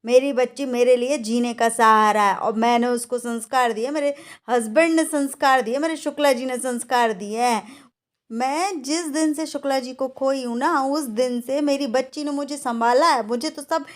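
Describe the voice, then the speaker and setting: High-voiced woman scolding in a vlog. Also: normal speed. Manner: indignant, scolding, emotional. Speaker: vlogger. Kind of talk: angry vlog monologue.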